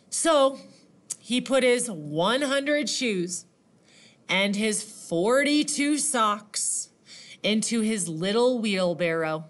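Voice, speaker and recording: In a mid-range voice, a woman reads a picture book aloud to children the way a teacher would. She's animated, asking questions and counting along with them.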